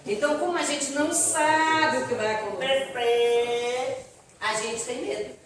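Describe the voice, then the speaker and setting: A woman with a Brazilian accent, giving a spiritist lecture and answering questions in a chatty, animated way. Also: high-pitched, measured pace, distant mic, a crowd in the background. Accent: Brazilian Portuguese. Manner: chatty, animated storytelling with audience asides. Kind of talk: live lecture Q&A to an audience. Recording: echoey hall, voice from afar, faint noise.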